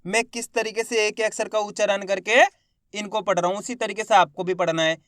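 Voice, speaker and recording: A man teaching Hindi reading, sounding out each syllable loudly and then blending it into the word, encouraging his viewers as friends. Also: high-pitched, fairly even intonation, fairly quick, no room sound, studio quality. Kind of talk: slow syllable-by-syllable reading lesson.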